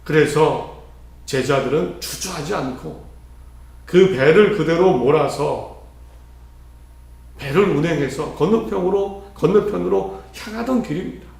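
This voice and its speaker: A man's voice: a little high, a little slow, gravelly, long pauses, a little mellow. A male pastor delivering an earnest sermon, asking rhetorical questions and shifting his emphasis often. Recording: heavy church reverb.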